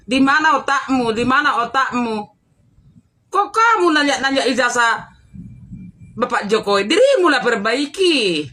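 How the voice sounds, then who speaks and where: A woman hosts an angry commentary vlog in a high, bright voice. She scolds and mocks without letting up, repeating taunting questions over and over. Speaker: channel host.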